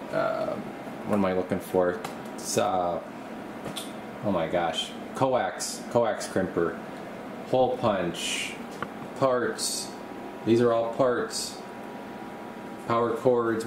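A man, a radio repair technician hosting a video, gives a casual, off-the-cuff tour of his small indoor home workshop, rambling and thinking aloud from behind the camera. His voice is lowish and creaky. The camera mic captures a roomy sound with a steady hum like an air conditioner.

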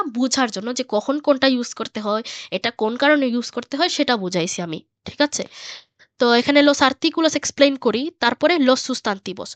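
High-voiced woman explaining her Spanish book. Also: a bit bright, no echo. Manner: chatty, explains step by step with many fillers. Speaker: Spanish teacher and book author. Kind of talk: casual explanatory lesson.

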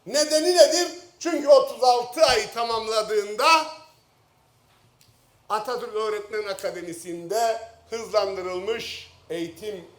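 A middle-aged man with a Turkish Cypriot accent giving a heated parliamentary speech at a lectern microphone, swinging from low jabs to shouted outbursts. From Northern Cyprus. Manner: speaking at a lectern microphone in the chamber. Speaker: member of parliament. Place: parliament chamber. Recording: roomy chamber echo.

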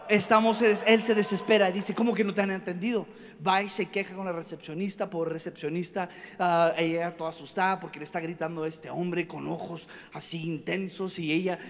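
A high-pitched young man delivers an animated, rambling sermon from a conference stage. His voice rings through a hall with a long reverb and faint ambience behind it. He jumps between stories, cracks jokes and acts out the voices of the people in them. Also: a little hiss or hum. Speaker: preacher. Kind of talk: storytelling sermon.

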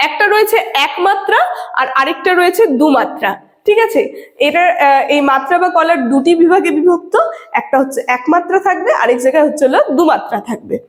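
A young woman from India, teaching a lecture at a board and checking her students' understanding with a rising tag question after nearly every point. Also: sits high.

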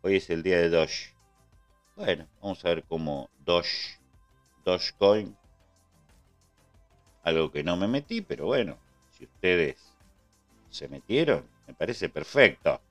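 A man's voice: low voice, lively intonation, slow pace, pauses often, fairly bright tone, soft background music. A man with an Argentine accent hosting a casual live trading stream, chatting loosely and answering his viewers. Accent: Argentine Spanish. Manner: chatty, answers chat and thanks subscribers.

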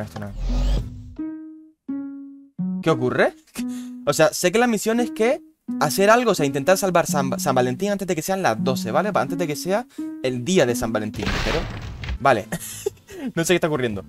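A young man, giving casual, swear-heavy commentary over his gameplay with loud, baffled outbursts. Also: a little high, sing-song, normal speed, long pauses, music in the background. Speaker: gaming youtuber.

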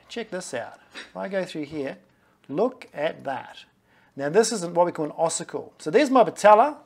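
In a small clinic office, a physiotherapist in his forties talks through scans of his own knee to the camera, frequently checking in with "okay" and "right." His voice sits on the high side.

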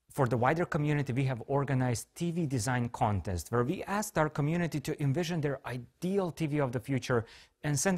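A man's voice: medium pitch, a little mellow, breathy edge. A man presenting a product launch in a scripted, joking way, full of playful self-mocking asides.

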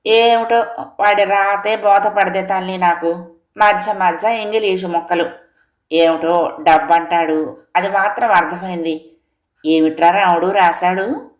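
A woman doing a slow, scolding old mother-in-law. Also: lowish voice, steady tone, echoey room, close to an everyday voice. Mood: chiding. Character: elderly mother-in-law, fond of her sons.

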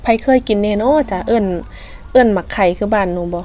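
A woman with an Isan accent chatting casually as she eats in a food vlog, using soft polite particles. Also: medium pitch, fast, a little hiss or hum. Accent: Isan (Northeastern Thai). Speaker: food vlogger.

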